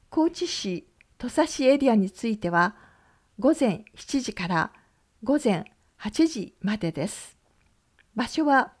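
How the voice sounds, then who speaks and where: Female radio host, slightly high, slow measured read of event listings. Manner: measured, clear reading of lists and numbers. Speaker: radio announcer. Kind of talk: scripted community notices.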